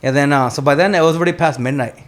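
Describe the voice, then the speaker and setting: Fast talking guy in his 40s, rambling storyteller, keeps restarting, podcast studio. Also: a little high. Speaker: podcast guest, military veteran father. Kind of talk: casual storytelling chat.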